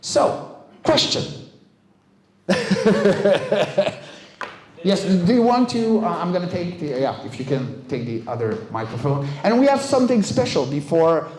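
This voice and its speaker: A middle-aged man, a native French speaker, gives a casual conference talk as a guest speaker, voice director and vocal stunt coach at an indoor game developer meetup. His voice sits high with big pitch swings, unhurried and a little mellow. The recording has the roomy echo of an event space.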